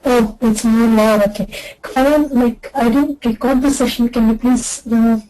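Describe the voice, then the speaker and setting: Mellow-voiced woman on a video call. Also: fairly high pitch, fairly even intonation, a little slow, poor audio. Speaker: participant in online session. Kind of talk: casual video call chat.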